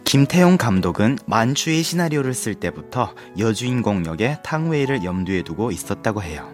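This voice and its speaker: Man narrating in a polite, measured tone. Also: lowish voice, very animated, faint music behind. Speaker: talk show panelist. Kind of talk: scripted narration.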